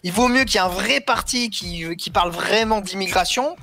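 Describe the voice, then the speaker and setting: High bright-voiced guy pushing his point hard on a stream, keeps repeating himself. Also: normal speed, gravelly. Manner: insistent, repeats words. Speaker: guest on a live talk show. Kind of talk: casual political chat.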